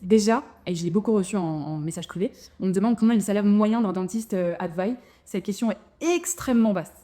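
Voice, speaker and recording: A warm, mid-range voice belongs to a dentist in her thirties describing her move abroad. She speaks casually to camera, French being her first language, and fills her speech with fillers and restarts.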